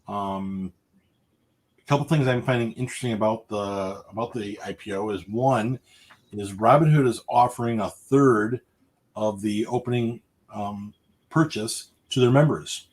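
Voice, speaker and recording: Man, mid-pitched, co-hosting a market livestream; casual, filler-heavy, fading endings. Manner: relaxed, many fillers, trails off quietly at sentence ends. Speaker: stock show co-host.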